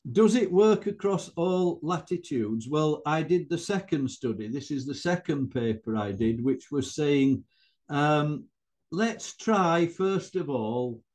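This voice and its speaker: An older man with an elderly voice gives an informal scientific presentation, halting and conversational, with asides to his listeners. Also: on the high side, darkish tone. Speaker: presenting researcher.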